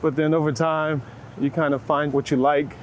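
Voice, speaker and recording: The voice is a man's, fairly high-pitched and level, at a moderate pace: an American photographer from Waco, Texas, giving a casual, reflective interview. He gropes informally for his phrasing and says "like" a lot. He's on a city street outdoors, with clear street and traffic sounds, vehicles passing and the city humming around him.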